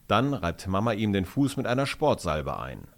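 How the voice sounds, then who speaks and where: A man narrating a children's audiobook in an animated, expressive storytelling manner. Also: on the low side, moderate pace.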